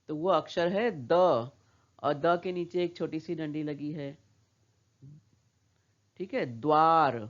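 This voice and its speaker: A woman's voice: lowish voice, muffled recording. A woman teaching a primary school lesson, patiently repeating words and asking questions back to the children. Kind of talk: slow classroom lesson for young children.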